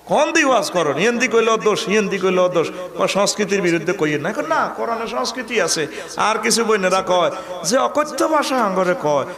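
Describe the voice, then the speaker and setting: Sermon preacher: man, Comilla Bangla accent, high voice, crowd behind. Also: roomy sound. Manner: humorous, shouting, acts out women's voices.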